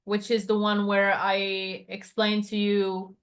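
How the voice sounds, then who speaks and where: A French tutor gives a one-to-one lesson over a video call, her mid-range voice slow and completely flat. She explains patiently, with many fillers and restarts.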